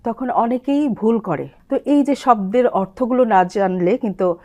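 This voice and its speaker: A woman's voice: fairly high pitch, lively intonation, a little mellow. Woman teaching pronunciation. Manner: explains with spoken word examples, drawn-out sounds and recited verse. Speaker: language expert guest. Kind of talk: explaining Bengali pronunciation on a TV program.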